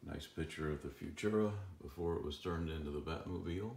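A man giving a relaxed, rambling tour of his collection at home, filmed on a handheld phone, with frequent chuckles. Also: very deep voice, a little fast, creaky, reverberant, a little hiss or hum. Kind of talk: casual filmed walkthrough. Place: room in a home.

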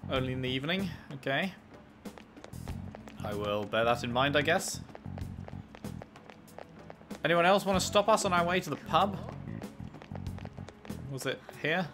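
A man's voice: fairly high pitch, a little slow, long pauses, over music. A man giving casual gameplay commentary as a let's play host, with dry sarcastic asides.

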